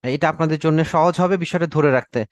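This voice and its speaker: A man's voice: a little high, brisk, dry recording. A young man teaching an online class, drilling Arabic verb forms and stopping often to ask "okay?", with English words mixed into his speech. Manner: mixes English words into Bengali.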